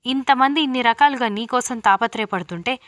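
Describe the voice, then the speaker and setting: A woman voicing a young married woman who scolds her younger sister with sharp, sarcastic questions. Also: fairly high pitch, a little fast, dry recording, clean studio sound, pitched above the performer's own voice, close to an everyday voice. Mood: angry.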